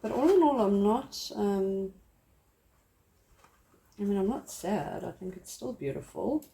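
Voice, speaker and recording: A young South African woman with a mid-range, dark voice and some vocal fry speaks in an unhurried, lively way. Working at her craft desk, she chats casually through a crafting tutorial, rambling a little and teasing herself along the way.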